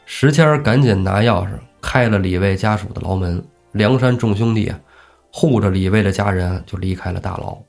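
A man narrates an old tale in a relaxed podcast style. He brings the characters' shouts to life with gusto. Faint music plays behind him. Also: fairly low pitch, normal speed, creaky. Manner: lively, acts out characters' shouts. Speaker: storyteller host. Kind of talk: casual storytelling podcast.

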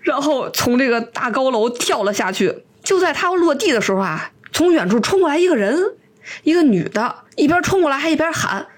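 A woman co-hosting a podcast, retelling a TV plot in casual chat, animated and acting out the quotes as she goes. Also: high-pitched, brisk. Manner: animated storyteller, acts out quotes, laughs often. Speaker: podcast co-host.

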